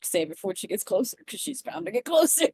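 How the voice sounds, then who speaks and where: A woman's voice: fairly high pitch, sing-song, fast talker, vocal fry, mellow, a little hiss or hum. A woman playing a tabletop game, bubbly and laughing often as she describes her moves. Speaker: player. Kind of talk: casual tabletop game play.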